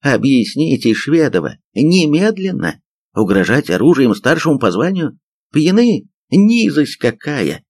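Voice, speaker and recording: A man's voice: medium pitch, big pitch swings, a little slow, darkish tone, breathy edge, dry recording, pitched above the performer's own voice, full character voice. A man voicing a plump, pompous male army major who blusters with indignation in an audiobook. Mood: indignant blustering. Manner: huffy, indignant.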